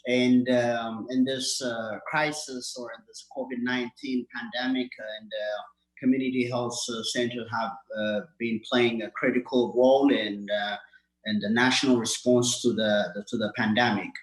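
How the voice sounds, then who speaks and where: A man with an Ethiopian accent giving a halting acceptance speech as a nurse practitioner, full of fillers and restarts. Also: mid-range voice, fairly even intonation. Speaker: nurse practitioner, award recipient. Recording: echoey room.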